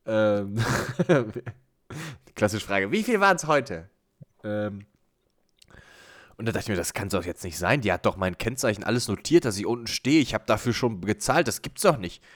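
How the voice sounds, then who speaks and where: A man co-hosting a casual podcast, telling an anecdote in an animated way and acting out bits of dialogue. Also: lowish voice. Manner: animated, acts out dialogue, quick asides. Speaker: podcast co-host. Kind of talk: casual storytelling chat.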